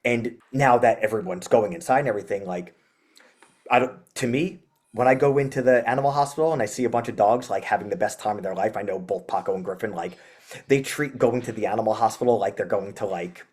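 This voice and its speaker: A man with a somewhat low, slightly mellow voice who talks fast. He's the frontman of a metal band, casually chatting as a podcast interview guest, full of rambling, laughter, and filler words.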